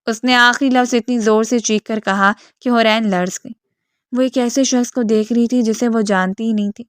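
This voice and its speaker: A woman reading a romantic novel aloud in steady scripted narration. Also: a little high, dry recording, studio quality.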